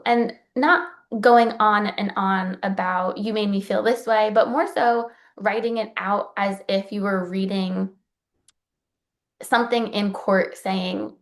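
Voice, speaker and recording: A young adult woman talking earnestly and openly about forgiveness, sometimes getting emotional as she shares her own experience. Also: medium pitch. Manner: earnest, open, gets emotional at times. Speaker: guest speaker on forgiveness. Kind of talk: personal talk.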